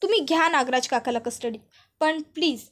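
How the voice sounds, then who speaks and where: A woman's voice: sits high, a little fast, a bit bright, voice pushed down. A woman voicing a trusting young husband who speaks in a pleading, reasonable way.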